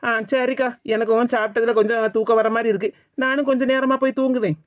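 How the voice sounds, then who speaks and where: A woman's voice: on the high side, fairly even intonation, fast talker, no room sound, highs cut off, lightly acted. Woman as a defiant cartoon young wife. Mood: coaxing. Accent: Tirunelveli Tamil. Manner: sarcastic, defiant.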